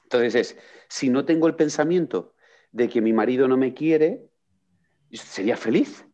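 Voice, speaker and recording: Animated man on a lo-fi mic. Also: medium pitch, normal speed. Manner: animated storyteller, acts out quoted questions. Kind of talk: casual conversation. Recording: dull lo-fi sound.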